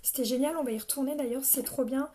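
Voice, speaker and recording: Chatty high-voiced woman. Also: fast talker, background noise. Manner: chatty, addresses viewers by name, frequent coughs. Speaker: makeup seller training her team. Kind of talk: live makeup tutorial chatting with viewers.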